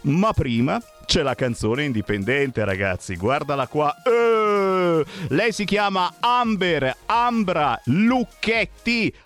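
A man's voice: very animated, takes it slowly, fairly bright tone, faint music behind. A man hosting a radio show, joking theatrically and swinging his voice up and down. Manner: theatrical, jokey, swings pitch up and down. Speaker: radio host. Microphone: studio microphone.

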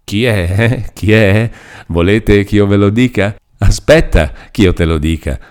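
A man's voice: on the low side, a little slow, a little mellow, clean tone, lightly acted. A man reading aloud and voicing a grumbling, resentful old woman who scolds and coaxes a frightened girl.

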